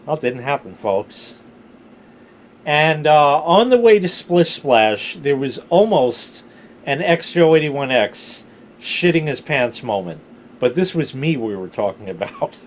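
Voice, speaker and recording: A middle-aged man telling rambling personal stories casually, with animated, salty emphasis on key words. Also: on the high side, measured pace, slight background noise. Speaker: storyteller, vlog host.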